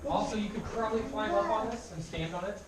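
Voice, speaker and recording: A woman's voice: mid-range voice, fast talker. A woman guiding a group tour with a part-rehearsed explanatory speech, her voice echoing in a cave. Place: inside a show cave. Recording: echoey cave, distant mic, chattering tour group.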